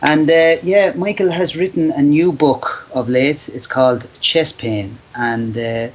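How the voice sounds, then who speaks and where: A man with an Irish accent hosting a casual podcast interview, often halting as he searches for words. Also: fairly high pitch, rough recording. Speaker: podcast host.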